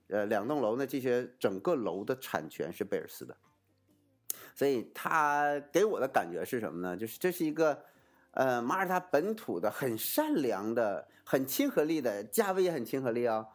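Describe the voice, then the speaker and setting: A man explains things casually, like an advisor walking someone through a decision. His pitch swoops freely up and down, giving him an animated, lively sound. He asks rhetorical questions and answers them himself, and his sentences keep restarting around small fillers.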